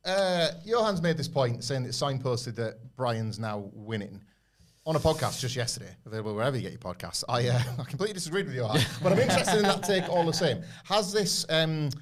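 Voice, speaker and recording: A man's voice: medium pitch, lively intonation, fairly quick. A man hosting a wrestling live stream in a casual, chatty style. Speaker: host of a wrestling show.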